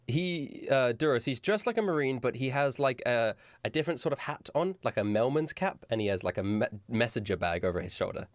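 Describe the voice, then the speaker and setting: A man's voice: mid-range voice, animated, fairly quick, few pauses, dry recording, studio quality. A man acting as game master, narrating a tabletop game in a casual, improvised way. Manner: casual, sweary.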